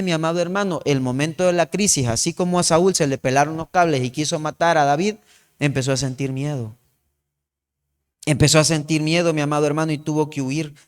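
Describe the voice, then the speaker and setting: High-voiced preacher. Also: male voice, clean tone. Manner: storytelling, repeats "my beloved brother". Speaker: pastor. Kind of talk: sermon.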